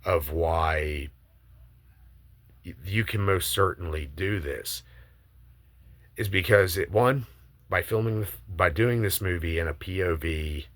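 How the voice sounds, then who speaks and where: A man with a very low, forceful voice eagerly pitches a movie idea. He talks in a casual, emphatic monologue like a video host sharing strong opinions, swearing freely. The sound is close and dry. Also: a little slow, long pauses, dry recording.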